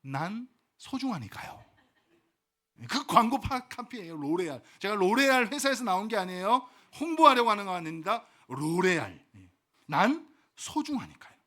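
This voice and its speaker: Animated high-voiced man preaching. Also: brisk, few pauses. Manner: leads the congregation in call-and-response; animated, swings from loud exhortation to soft asides. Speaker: pastor. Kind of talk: sermon.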